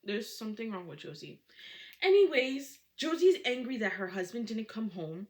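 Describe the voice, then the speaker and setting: A woman recaps a thriller in a lively, dramatic way and keeps asking rhetorical questions. Her voice sits on the high side and swoops all over as she talks. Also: normal speed. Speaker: book recap creator. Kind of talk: casual book recap.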